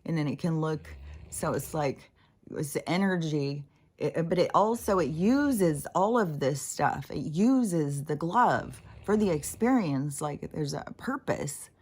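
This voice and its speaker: With a notably low, scratchy voice that has a mellow, breathy edge, a woman rambles through her spiritual experiences in an unscripted, casual monologue. Her intonation is lively and her pace measured; she loses her thread, comes back to it, and swears freely, like a host being candid with her channel.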